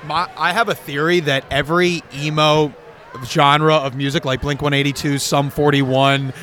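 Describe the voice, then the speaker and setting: A man's voice: on the high side, level tone, normal speed, a bit bright, slight background noise. Laid-back Philly-young man. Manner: laid-back, rambling, says bro and man. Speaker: comedy content creator. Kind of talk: casual chat.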